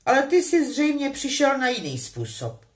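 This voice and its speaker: A woman's voice: high voice, wildly swooping pitch, voice pushed up. A woman voicing a sulky, sarcastic teenage boy wizard in a storybook reading, with a forced, mocking tone.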